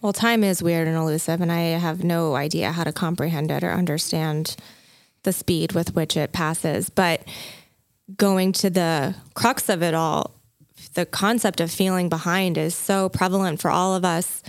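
Thoughtful, lower-voiced woman podcaster. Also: steady tone, moderate pace, dry recording, clean studio sound. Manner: thoughtful, asks curious questions. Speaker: podcast co-host. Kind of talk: casual chat.

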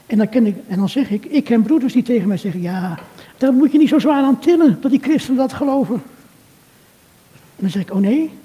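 An older man giving an earnest, measured sermon talk, speaking directly to a churchgoer. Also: very high-pitched, dark tone. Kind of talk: reflective sermon talk addressed to a listener. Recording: long reverb of a hall.

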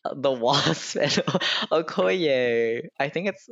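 A woman's voice: very deep voice, lively intonation, slow, no room sound. A woman casually announcing a cast list, chatting as presenter. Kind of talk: casual chat. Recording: dull, clearly noisy recording.

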